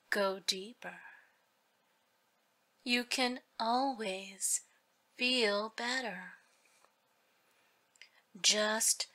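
A woman whispering a guided hypnosis session in slow, soothing, drawn-out phrases. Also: on the high side, pushed and bright.

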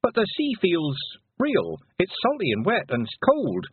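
A man's voice: high voice, huge pitch swings, unhurried, breathy edge, no room sound, voice pushed up, heavily acted. A man voicing a young, determined girl who is a witch, speaking earnestly and firmly. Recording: tinny phone-like dry recording.

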